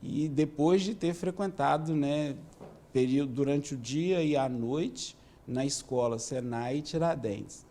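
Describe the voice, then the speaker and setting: A man, a police chief answering interview questions in a measured, explanatory way, often adding "né". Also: a little high, mellow. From Minas Gerais, Brazil. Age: 50s. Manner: measured, explanatory, with many "né" tags.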